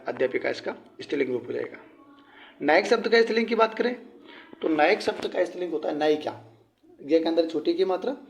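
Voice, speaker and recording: A man's voice: vocal fry, dull audio, a little hiss or hum. Man teaching grammar in exam-prep style. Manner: explains step by step, repeats answers, asks and answers his own questions; drops low and quiet at the end of each answer.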